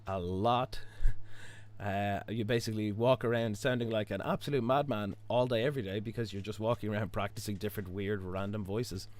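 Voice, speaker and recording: A hoarse Irish man with his voice stuck low, chatting casually while live-streaming a game, rambling with lots of fillers and restarts. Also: fairly even intonation, a little fast. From Ireland. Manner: rambling, many fillers and restarts, chuckles often.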